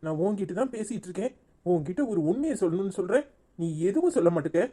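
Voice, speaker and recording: A woman's voice: mid-range voice, animated, fast talker, dark tone, husky. A woman voicing an earnest, reassuring young husband in a cartoon, with a Tirunelveli Tamil accent.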